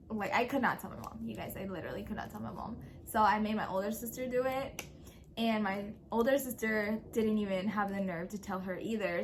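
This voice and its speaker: A young woman and parent telling a story in a casual question-and-answer video, chatty and quick to laugh. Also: medium pitch, slight background noise. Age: young adult. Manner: giggly, laughs often while telling a story; chatty, full of fillers and quoted speech. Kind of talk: casual Q&A chat.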